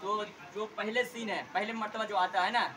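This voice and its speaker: A man's voice: high voice, steady tone, normal speed. A man teaching Quran letter reading, leading a class in call-and-response drills and patiently correcting pronunciation. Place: classroom full of children. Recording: distant mic, loud classroom chatter and noise.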